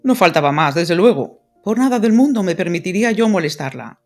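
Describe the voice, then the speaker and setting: A woman voicing an earnest, lovesick English lord in an audiobook, speaking formally and pleading gravely. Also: fairly low pitch, lively intonation, brisk, a little mellow, faint music behind, pitched above the performer's own voice. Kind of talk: audiobook character reading.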